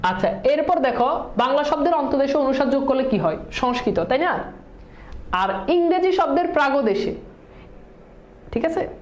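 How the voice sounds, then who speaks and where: A woman teacher with a high, animated, slightly mellow voice quizzes students in an exam-prep lesson, firing quick questions and answers. She mixes English words into her speech, and the room is echoey.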